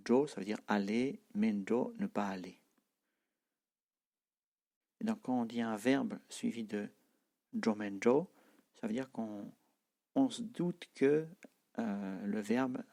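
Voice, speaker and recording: A man teaching a language lesson, explaining slowly with many hesitations and repeating example phrases. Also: lowish voice, creaky, warm tone.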